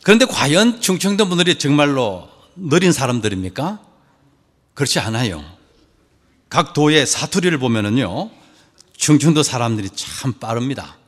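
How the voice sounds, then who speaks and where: A man's voice: medium pitch, expressive, normal speed, in a large hall. A man preaching a sermon as pastor, joking with the congregation and asking them questions.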